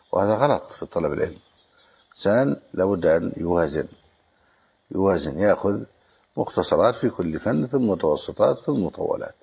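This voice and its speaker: An older man teaching as a sheikh, correcting a student's reading and giving measured, instructive advice. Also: sits low, vocal fry, darkish tone, husky. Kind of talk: commenting and correcting a reader.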